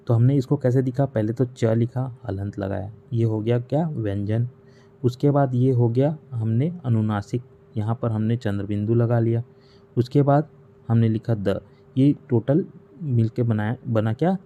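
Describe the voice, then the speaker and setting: A man's voice: mid-range voice, measured pace, warm tone. A man teaching a grammar lesson, patiently repeating each point and asking rhetorical questions. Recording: slightly dull recording with faint hiss.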